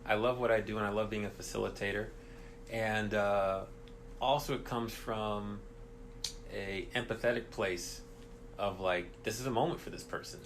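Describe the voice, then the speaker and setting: Man, head track coach, lowish voice, earnest, enthusiastic, faint background noise. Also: steady tone, moderate pace, a bit bright. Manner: earnest, enthusiastic, repeats phrases. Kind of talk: casual interview talk.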